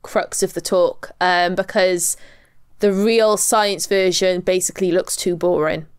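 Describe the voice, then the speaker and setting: A young Welsh woman, a podcast co-host who also researches astrophysics, chats casually in a lowish, steady voice at a measured pace. Her tone is smooth, and the studio-quality recording has no echo.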